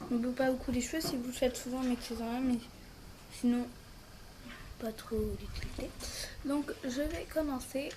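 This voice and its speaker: A young woman with a high, bright voice chats her way through a hair tutorial, full of little fillers and asides. It sounds like a home camera mic, with clear background noise under her voice. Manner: chatty, filler-heavy, rambling asides. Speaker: beauty vlogger. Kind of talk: casual hair tutorial and product review. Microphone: built-in camera mic.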